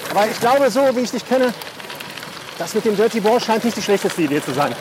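A man's voice: high voice, animated, brisk. A man, an experienced rider, giving laid-back joking advice while cycling outdoors. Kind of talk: casual chat while cycling. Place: outdoors on a group bike ride in rain. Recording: loud outdoor wind, rain and traffic noise.

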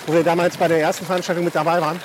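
A man's voice: on the high side, flat delivery, racing, low-quality recording. A man, an experienced rider, giving laid-back joking advice while cycling outdoors. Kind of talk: casual chat while cycling. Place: outdoors on a group bike ride in rain. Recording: loud outdoor wind, rain and traffic noise.

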